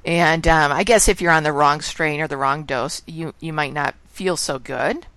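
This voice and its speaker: Brief: female radio host, very low voice, dry close sound, short guiding questions. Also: moderate pace, a bit bright, no echo. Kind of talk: interview hosting.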